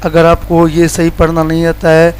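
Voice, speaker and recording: A man from Pakistan teaching Quran letter pronunciation in a plain explaining tone, stretching each letter slowly as a model sound. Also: a little high, monotone, slight background noise, low-quality recording.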